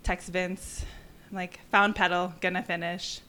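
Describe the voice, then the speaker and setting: Speaking a little slowly in a lowish, clear, resonant voice, this young woman, an endurance cyclist appearing as a podcast guest, tells a casual story indoors in an office. She's animated, performing the back-and-forth of what people said.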